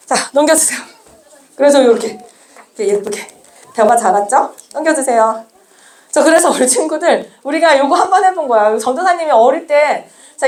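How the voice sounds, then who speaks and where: A woman children's minister giving a sermon to small children with slides, lively and asking them questions. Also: high-pitched.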